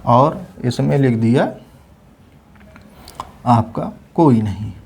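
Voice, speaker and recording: Slow, patient Hindi grammar teacher, a man. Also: medium pitch, creaky, darkish tone. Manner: explains patiently, repeats definitions slowly for dictation. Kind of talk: exam-prep lesson.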